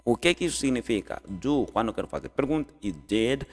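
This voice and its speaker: Guy teaching english on a channel, drills example sentences slow and repeats them, voice rings out in a reverby room. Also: mid-range voice, big pitch swings. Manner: repeats example sentences slowly, asks learners questions. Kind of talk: casual online language lesson.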